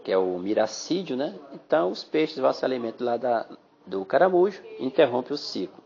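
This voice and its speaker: Brazilian male biology teacher, gravelly voice, chatty podcast lesson, dull phone-app recording. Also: mid-range voice, very animated, brisk, a little mellow. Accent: Brazilian Portuguese. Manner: chatty, addresses listeners as "galerinha", frequent "né?". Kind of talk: podcast exam-prep lesson.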